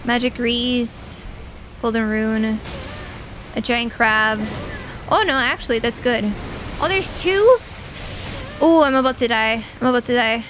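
Chatty woman streamer, slow and playful. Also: on the high side, steady tone, fairly bright tone, slight background noise. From Portugal. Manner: chatty and playful, reads and answers chat, quick laughs and mock anger. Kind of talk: casual gameplay commentary chatting with viewers.

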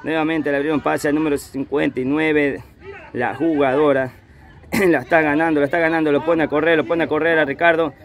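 High-pitched man commentating football. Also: steady tone, a little fast. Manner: repeats phrases over and over. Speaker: amateur football match commentator. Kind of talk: live play-by-play football commentary.

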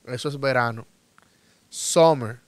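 A man whose first language is Spanish, teaching a lesson and repeating each word slowly and firmly for his students. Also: mid-range voice, no echo. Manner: repeats words slowly and emphatically for learners. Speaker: English teacher. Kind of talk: slow, drilled language lesson.

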